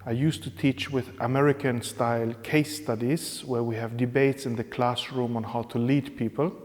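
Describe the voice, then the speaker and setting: A Hungarian-born professor gives spontaneous interview answers in English, measured and explanatory, with pauses and fillers. His voice is medium-pitched, steady and darkish, and the room is reverberant.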